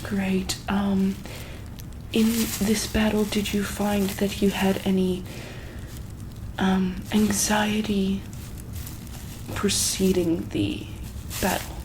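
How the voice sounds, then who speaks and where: Playing a gentle examiner in an ASMR medical roleplay, a soft-spoken woman repeats her quiet questions and sometimes drops to a breathy whisper. Her medium-pitched voice stays level and slow against a noisy background.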